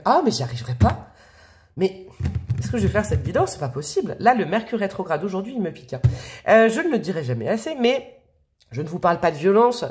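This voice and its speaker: A woman reads tarot to her viewers in a loose, chatty way. She is affectionate and rambling, full of fillers and little asides. Her voice is mid-pitched and a bit sniffly from allergies. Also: darkish tone. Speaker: tarot reader. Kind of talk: casual tarot reading to camera.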